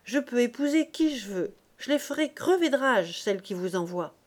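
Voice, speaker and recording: A woman voicing a hot-tempered young market fishwife who bursts out in shrill, indignant tirades. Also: unhurried, dark tone, natural voice. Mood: furious. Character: fiery young woman fishmonger, quick to rage.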